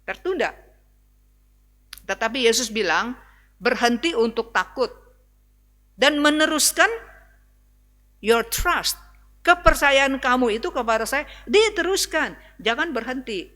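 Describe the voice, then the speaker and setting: A woman's voice: high-pitched, expressive, measured pace, pauses often, pushed and bright. A woman pastor preaching a sermon in a conversational way, often turning to address the congregation directly. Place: church hall. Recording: reverberant church hall.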